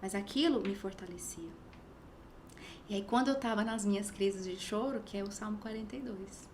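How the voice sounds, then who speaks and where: A woman's voice: medium pitch, normal speed, slight background noise. A woman in her thirties in a casual faith podcast chat, telling her story animatedly and dropping to a whisper when she quotes scripture. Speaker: podcast guest sharing her testimony.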